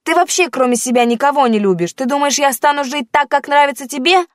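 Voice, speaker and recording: A woman voicing a defiant, tearful teenage girl who shouts accusations at her mother. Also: high voice, fast talker, no room sound, studio quality, voice pushed up, lightly acted. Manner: shouting, accusing, on the verge of tears.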